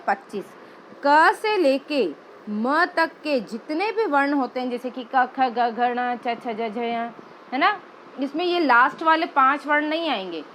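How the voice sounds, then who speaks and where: A woman's voice: high-pitched, a bit bright, slight background noise, low-quality recording. A woman teacher giving an exam-prep lesson, patient and step by step, asking questions and answering them herself. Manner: patient, explains step by step with repeated checks.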